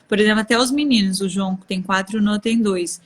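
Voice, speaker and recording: A woman's voice: mid-range voice, fast talker. A woman in her thirties with a Brazilian Portuguese accent, chatting candidly on a live stream about motherhood, often laughing. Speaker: guest speaker on parenting. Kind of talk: casual live-stream conversation.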